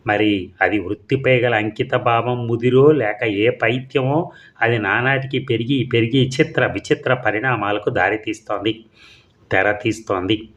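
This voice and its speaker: A man voicing a meek young wife who speaks in a hushed, patient, pleading way. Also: medium pitch, unhurried, dull audio, natural voice. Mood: hushed, rueful.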